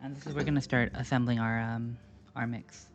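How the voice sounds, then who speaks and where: A woman's voice: a bass voice, steady tone, a little fast. A woman chatting casually while cooking on a live stream, rambling with lots of fillers and jokes. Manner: rambling, filler-heavy, jokey. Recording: slightly dull lo-fi sound with faint music.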